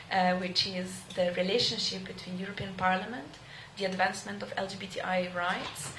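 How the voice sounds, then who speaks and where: Young woman moderating a panel; chatty and earnest with lots of fillers, in a roomy space with steady background noise. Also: medium pitch. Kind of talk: panel discussion. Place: small indoor event room. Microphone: handheld mic. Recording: echoey room with background noise.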